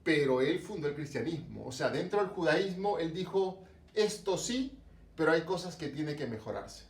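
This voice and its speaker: This male teacher from Lima, on Peru's coast, teaches religion in an online lecture, with a Lima Peruvian Spanish accent and plenty of rhetorical questions and fillers. He talks at normal speed, his voice on the high side with lively intonation. The recording is distant, in an echoey room.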